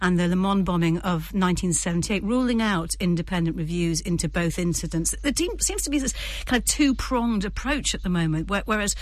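A woman's voice: fairly low pitch, brisk, hardly any pauses, no room sound. A woman news presenter introducing stories and putting questions to studio guests. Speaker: news programme presenter and interviewer.

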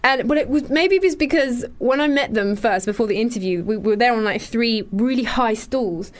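A woman's voice: fairly high pitch, expressive, moderate pace. A woman presenter chatting casually and candidly, as in an entertainment talk show. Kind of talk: casual chat.

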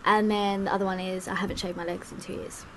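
A woman's voice: medium pitch, flat delivery, fast talker, slight background noise. A woman guest in a casual chat, giggly and playfully teasing. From Philippines.

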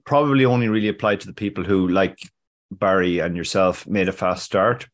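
A man co-hosting a podcast in casual chat, halting and often repeating words as he starts. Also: deep voice. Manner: halting, stammered repetitions. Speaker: podcast co-host.

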